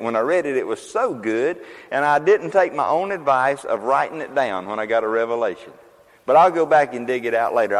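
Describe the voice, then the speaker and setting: A man preaching a sermon, telling folksy stories and rising to loud emphatic peaks. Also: medium pitch. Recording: long hall reverb.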